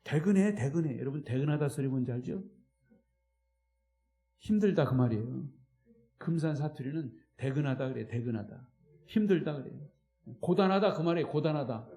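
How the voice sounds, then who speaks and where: A man with a Chungcheong Korean accent, a pastor preaching emphatically and calling on the congregation, shifting between loud and quiet. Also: a little high, animated, normal speed, pauses often. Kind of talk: sermon. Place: church at evening worship.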